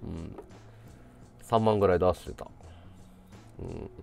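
A man's voice: low-pitched, fairly even intonation, a little slow, creaky, a little mellow, faint music behind. A man live-streaming casual chat who tells an anecdote, acting out the people he quotes in changed voices and laughing often.

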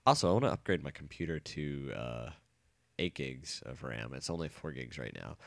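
A man with a very deep, gravelly voice talks through his gameplay in a loose, rambling way, cracking jokes and swearing as he goes. A cold leaves him sounding nasal, and the recording is dry and close with no room around him. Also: very animated, moderate pace, fairly bright tone, no echo. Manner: rambling, jokey, swears freely. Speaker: let's play host. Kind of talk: casual gameplay commentary.

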